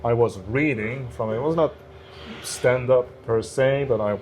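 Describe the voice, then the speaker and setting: A man's voice: mid-range voice, a little slow, darkish tone, a little hiss or hum. A man, a stand-up comedian guest, telling stories in a casual interview, hesitant with many restarts. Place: bar cellar.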